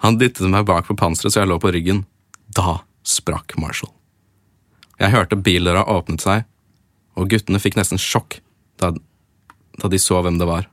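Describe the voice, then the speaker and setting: A man's voice: deep voice, steady tone, no echo, studio quality. A man on a podcast who reads fan fiction aloud in first person and breaks off now and then for jokey comments. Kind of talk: casual chat with dramatic read-aloud.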